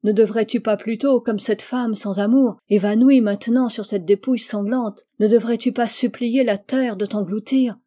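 A woman's voice: medium pitch, steady tone, unhurried, dark tone, lightly acted. A woman reading aloud and voicing a desperate, passionate young native woman with an urgent delivery. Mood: indignant.

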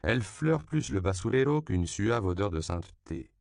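A man's voice: fairly low pitch, animated, moderate pace, creaky, a little mellow, no room sound, pitched above the performer's own voice. A man reading the lines of a mocking male doctor in an audiobook, dry and amused. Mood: wry. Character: sardonic male doctor atop a ladder.

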